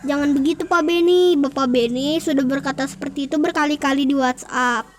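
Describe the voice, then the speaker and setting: A man's voice: extremely high pitch, fairly even intonation, brisk, faint music behind. Young man doing a stern landlord. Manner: formal and insistent. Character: stern male landlord demanding overdue rent.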